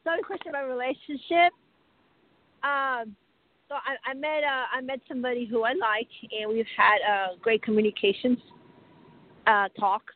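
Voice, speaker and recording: High-voiced woman caller on the phone. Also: steady tone, a little hiss or hum. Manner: halting, effusive, many "uh" and repeated thanks. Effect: phone line. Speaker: radio show caller. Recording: tinny phone line.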